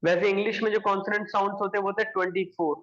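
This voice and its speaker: A man's voice: high-pitched, flat delivery, rapid-fire, fairly bright tone, lo-fi sound. A man teaching English grammar, explaining step by step and answering his own questions. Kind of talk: classroom explanation.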